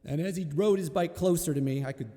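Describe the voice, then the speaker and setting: A man, a folk singer at a live-streamed concert, telling a personal story in a slow, hushed and reflective way, with halting repeats. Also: on the high side, long reverb tail.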